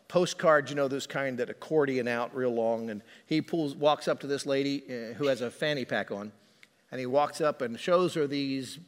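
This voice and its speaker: A man's voice: mid-range voice, long reverb tail. A male pastor preaching a sermon in a conversational, storytelling manner.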